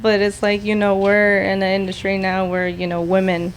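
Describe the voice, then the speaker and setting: A woman's voice: medium pitch, completely flat delivery, normal speed, a little hiss or hum. A young woman, a tattoo artist, chatting on a podcast and telling stories in a laid-back way with many fillers. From Prince George's County, Maryland, US. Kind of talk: casual podcast chat.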